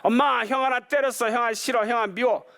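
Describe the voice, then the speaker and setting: Guy doing a whiny little kid voice, way up high, tattling on big bro. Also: fairly even intonation, fairly quick, vocal fry, bright, forceful tone, exaggerated voice. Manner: whiny, complaining. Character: whining little boy tattling on big brother.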